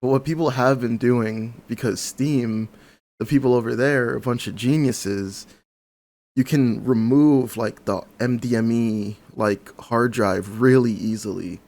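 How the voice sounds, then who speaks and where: A young man chatting casually on a podcast, talking fast and enthusiastically about tech and swearing freely. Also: mid-range voice, darkish tone. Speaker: podcast guest. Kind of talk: casual chat.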